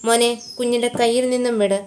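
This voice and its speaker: A woman's voice: a little high, fairly even intonation, quick pace, darkish tone, natural voice. A woman voicing a scheming middle-aged uncle who scolds harshly in private and speaks sweetly in company, in a storybook reading. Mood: smooth.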